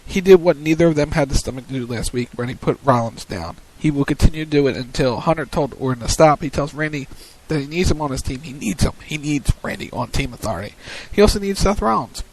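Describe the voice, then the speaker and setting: A man's voice: fairly high pitch, fast talker, hardly any pauses, poor audio. A man co-hosting a wrestling post-show on web radio, recapping segments and calling matches like a commentator. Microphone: studio mic on a web radio show.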